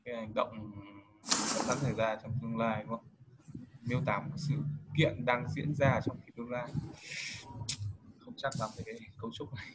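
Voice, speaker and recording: A man's voice: medium pitch, little pitch movement, moderate pace. Male group leader walking through vocabulary, lots of fillers, noisy background. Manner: explanatory, frequent filler hesitations. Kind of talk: explaining English vocabulary. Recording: noisy home recording.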